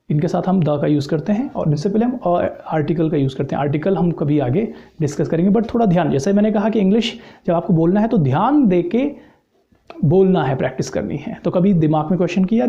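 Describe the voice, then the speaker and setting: Gravelly-voiced Indian man teaching English. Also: sits high, warm tone, lo-fi sound. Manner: slow deliberate English examples, mixed Hindi explanation. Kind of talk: Hindi-English spoken grammar lecture.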